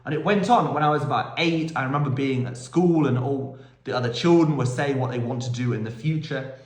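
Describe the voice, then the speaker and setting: A UK man in his thirties, a language school owner and polyglot vlogger, talks about learning languages in a casual Q&A monologue, enthusiastic and prone to tangents. His mid-range voice moves fairly quickly, recorded in an echoey room.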